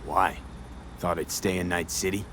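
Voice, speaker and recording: A man's voice: deep voice, fairly even intonation, moderate pace, background noise, natural voice. A man playing a wary, street-smart mercenary in a video game, terse and questioning.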